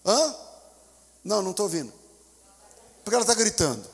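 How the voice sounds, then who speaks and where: Gravelly Brazilian pastor preaching in a hall. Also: male voice, high-pitched, sing-song, a little fast. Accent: Brazilian Portuguese. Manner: swings from quiet asides to loud, preaching shouts; acts out voices of church members and a desperate mother. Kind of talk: sermon.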